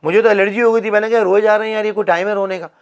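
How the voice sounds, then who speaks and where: A high-voiced man rants his opinions in a casual comedic chat. He keeps acting out the people he quotes as he goes. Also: fairly even intonation, racing, clean tone. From Pakistan. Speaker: podcast host.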